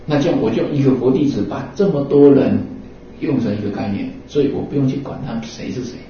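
A man's voice: mid-range voice, a little fast, mellow, a little hiss or hum. A man giving a Buddhist sermon in a conversational way, full of fillers and acted-out exchanges. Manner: conversational, acts out little dialogues, many fillers like 啊 and 哦. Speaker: Buddhist dharma teacher. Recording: roomy echo from a distant, dull mic.

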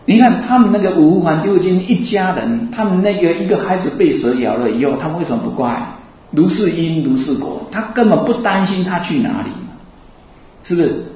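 A man giving a Buddhist dharma talk to an audience, asking them lively rhetorical questions and laughing in between. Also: on the high side. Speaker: Buddhist teacher. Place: hall with an audience. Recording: echoey hall, distant mic, dull sound.

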